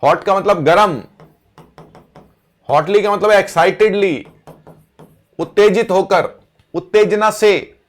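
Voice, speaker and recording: Male English teacher, high voice, slow, repeats words as he writes. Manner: slow, repeats words while writing on board. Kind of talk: vocabulary lesson.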